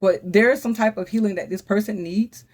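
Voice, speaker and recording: A woman's voice: medium pitch, normal speed, darkish tone. A woman giving a casual spoken tarot reading, talking straight to her viewers in a chatty, emphatic way and often exclaiming. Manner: talks straight to viewers, calls on the Holy Spirit. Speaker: tarot reader.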